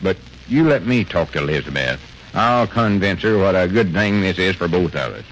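Deep-voiced, confident old country storekeeper. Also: male voice, lively intonation, normal speed, a bit bright. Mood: confident, scheming. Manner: folksy rustic speech. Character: confident, scheming old rural storekeeper man. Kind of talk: 1940s radio comedy acting. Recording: faintly noisy old radio recording.

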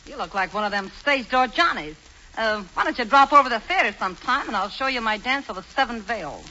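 A woman's voice: fairly high pitch, expressive, quick pace, lo-fi sound, natural voice. An actress playing a brassy, wisecracking showgirl in a 1940s radio comedy, talking in street slang. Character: brassy showgirl woman, Alan's ex-wife. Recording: scratchy old radio broadcast with hiss.

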